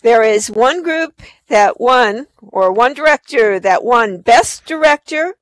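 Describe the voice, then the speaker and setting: A woman's voice: on the high side, expressive, slow, no room sound. A woman presenting awards live at an online event as the host, effusive in her praise.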